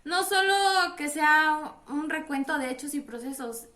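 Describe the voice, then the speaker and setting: A woman's voice: high-pitched, expressive, measured pace, bright, forceful tone. A woman moderating a discussion in a formal, scripted presenting style. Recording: echoey room.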